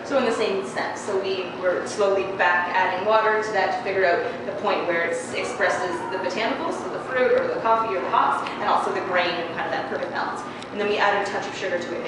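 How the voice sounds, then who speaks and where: A woman brewer giving a casual plant tour, chatty and enthusiastic in an informal way. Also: medium pitch. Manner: chatty and enthusiastic, with frequent laughter. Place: indoor brewery production space. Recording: echoey plant room, distant mic, loud background noise. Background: loud ambient noise.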